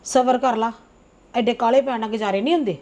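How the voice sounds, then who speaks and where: A woman acting as a scheming, sharp-tongued grandmother who bosses her household around in a family drama. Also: fairly high pitch, quick pace, natural voice. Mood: bossy. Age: older. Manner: bossy, scolding, sharp-tongued. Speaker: household matriarch.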